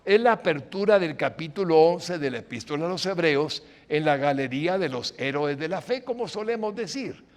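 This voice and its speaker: An older man preaching as a pastor, acting out short dialogues and swinging between loud exclamations and hushed lines. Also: fairly high pitch, animated, moderate pace, hardly any pauses. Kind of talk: sermon.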